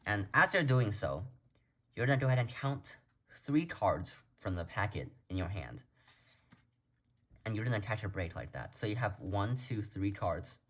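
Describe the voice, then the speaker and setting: A man's voice: lowish voice, very animated, normal speed, a bit bright. A man giving a casual step-by-step tutorial as presenter, talking informally and directly to viewers. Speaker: card trick tutorial presenter.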